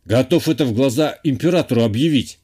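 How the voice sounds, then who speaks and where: A man voicing an older male university rector, proud and weary, in a lower, gruffer voice in an audiobook. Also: moderate pace, darkish tone, close to an everyday voice. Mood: grave, indignant. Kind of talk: audiobook character voice.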